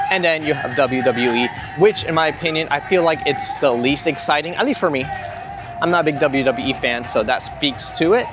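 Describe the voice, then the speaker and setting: A young man vlogging outdoors at a theme park, rambling with enthusiasm, repeating himself and a bit out of breath. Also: mid-range voice. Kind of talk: casual rambling vlog talk. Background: music from nearby.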